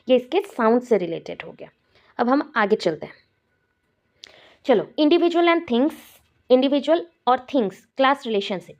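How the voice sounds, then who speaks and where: Woman teacher, raised voice, dull lo-fi audio. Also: on the high side. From India. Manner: explains terms step by step, repeating key words. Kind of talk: exam-prep lecture.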